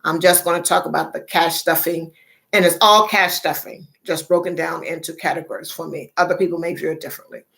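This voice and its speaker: A woman's voice: fairly low pitch, fairly even intonation, brisk, gravelly, fairly bright tone. A middle-aged woman hosting a casual livestream chat, chatty, repeating phrases and laughing often. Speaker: livestream host.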